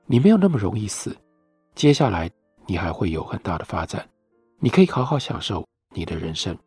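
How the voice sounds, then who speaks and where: Tired hopeless guy from an old novel, cold flat voice, low and husky as a male narrator reads him. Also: brisk, dry recording, faint music behind, heavily acted. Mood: resigned. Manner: flat, cold, resigned delivery. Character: weary despairing Japanese man, postwar lover.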